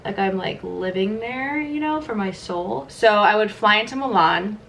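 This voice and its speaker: A woman's voice: medium pitch, animated, moderate pace, vocal fry, fairly bright tone, slight background noise. A woman in her twenties chatting casually at home through a makeup vlog, filling her talk with "like". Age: 20s. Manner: chatty, many "like" fillers. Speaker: vlogger. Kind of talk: casual vlog chat during a makeup routine.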